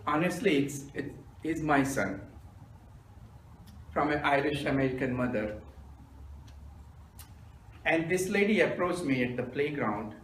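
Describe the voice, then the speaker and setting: A man, telling self-mocking jokes in a deadpan storytelling manner as a humorous club speaker. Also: a little high, measured pace, long pauses, slight background noise. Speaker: stand-up speaker. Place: meeting room with audience. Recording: echoey room from a distance.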